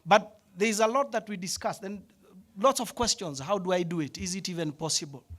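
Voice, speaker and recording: A man with a notably high voice speaks at a graduation ceremony. He talks in a reflective, conversational way and is openly moved. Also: fairly quick, a bit bright. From Africa. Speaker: head of animation department giving faculty speech. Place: ceremony hall.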